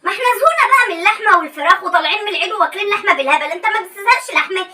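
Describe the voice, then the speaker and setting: Woman as a cheeky stubborn Egyptian young wife, quick and coaxing, far from the mic with background noise. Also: very high voice, animated, sharp tone, heavily acted. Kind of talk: comedy sketch.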